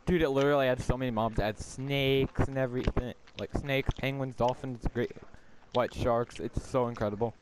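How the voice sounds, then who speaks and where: A man's voice: medium pitch, steady tone, brisk. A man hosting a casual gaming chat with friends, rambling and joking, with many fillers and restarts. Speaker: channel host playing with friends. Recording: noisy recording.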